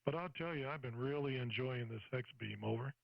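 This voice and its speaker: An older American man talks casually and at length as a ham radio operator, saying "over" and other procedure words to hand off in a relaxed two-way radio chat. His medium-pitched voice is a little fast with vocal fry. The recording is dry and lo-fi.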